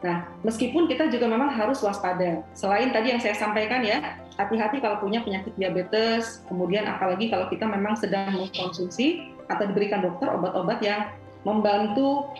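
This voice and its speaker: A woman's voice: mid-range voice, brisk, reverberant, soft background music, low-quality recording. A woman, a doctor giving reassuring, conversational medical explanations as a guest.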